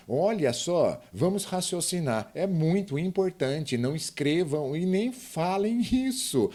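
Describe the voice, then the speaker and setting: Lively man teaching grammar. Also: a little high. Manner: lively, emphatic, asks the viewer questions. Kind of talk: YouTube grammar lesson.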